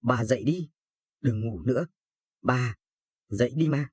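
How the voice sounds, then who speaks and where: A tearful thirteen-year-old girl who stammers and pleads in a storybook reading, as a male narrator puts her on. The voice is husky and sits at a middle pitch. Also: unhurried, a little mellow, dry recording. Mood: grieving. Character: frightened grieving girl of thirteen.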